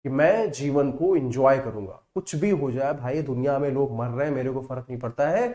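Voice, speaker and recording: A man's voice: mid-range voice, warm tone. Man teaching vocabulary in an echoey room. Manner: explains slowly, often adds "right?" and "correct?". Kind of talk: Hindi-English online lesson.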